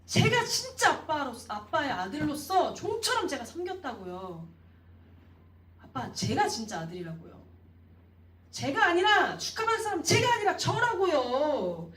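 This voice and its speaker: A woman preacher voicing a resentful young man who accuses his father, pleading and rising to a shout. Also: high-pitched, sing-song, a little slow, pitched above the performer's own voice, full character voice. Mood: indignant. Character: resentful indignant elder son, young man. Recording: roomy echo, distant mic.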